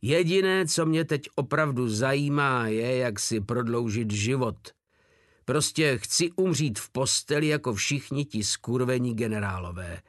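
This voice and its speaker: A man's voice: mid-range voice, lively intonation, no echo, clean studio sound, natural voice. A man reading aloud, voicing a cynical, boisterous German corporal deserting the war.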